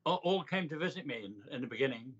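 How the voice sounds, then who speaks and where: An older man telling reflective personal stories in an interview, with a measured, emphatic delivery in short, deliberate phrases. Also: medium pitch, lively intonation, fairly bright tone, husky, muffled recording. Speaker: interviewee recounting a hospital stay.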